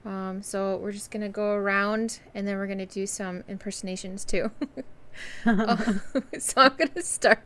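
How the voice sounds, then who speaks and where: A woman's voice: mid-range voice, steady tone, moderate pace, fairly bright tone. A woman hosting a live stream, upbeat and chatty, opening the show. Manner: upbeat, laughs often. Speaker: host and esports coach. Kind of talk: casual livestream chat. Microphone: live stream microphone.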